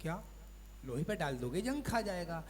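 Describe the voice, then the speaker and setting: A man giving a sermon as a Jain monk, telling a lively story and acting out its household characters before a seated congregation. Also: fairly high pitch, normal speed. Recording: long hall reverb.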